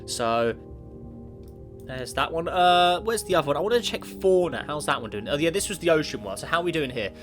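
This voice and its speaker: With a fairly high, bright voice and a brisk, animated delivery, this gaming YouTuber chats through a space simulation game despite a sniffly cold. He rambles, corrects himself and talks to the game, and clear background music plays.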